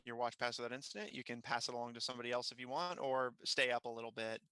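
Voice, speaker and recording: Bright, clear-voiced male game master. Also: medium pitch, fairly even intonation, no echo. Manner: halting, searching for words mid-phrase. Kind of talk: improvised tabletop game narration.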